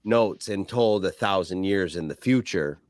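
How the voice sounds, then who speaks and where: A man's voice: low-pitched, unhurried, dry recording, clean studio sound. A man hosting a casual podcast, steering the talk with questions and the odd swear. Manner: leads questions, casual and profane. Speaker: podcast host.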